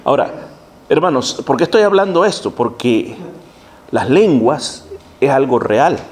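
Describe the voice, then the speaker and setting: A man's voice: mid-range voice, unhurried. A man who is a pastor, giving a sermon-style Bible study to his congregation, addressing them as brethren and acting out scenes as he speaks. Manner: animated preaching, acts out scenes.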